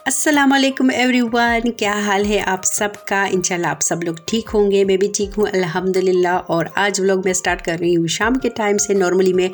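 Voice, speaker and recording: A woman in her thirties from Pakistan with a Pakistani Urdu accent, chatting casually to her viewers as she narrates her home routine. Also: on the low side. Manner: chatty and homely, addressing viewers directly. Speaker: home vlogger.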